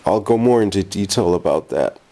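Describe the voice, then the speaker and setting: Man, lowish voice, tired, rambling, easily sidetracked, casual home vlog. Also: expressive, a little fast, dark tone. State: tired, jet-lagged. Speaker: vlogger. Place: bedroom at home.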